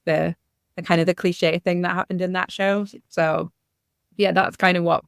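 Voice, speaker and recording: A woman's voice: low-pitched, vocal fry, dry recording, studio quality. A woman in her thirties with a Northumberland accent, talking casually as a podcast guest. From Northumberland, England. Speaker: podcast guest, marketing consultant. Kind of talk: casual conversational storytelling.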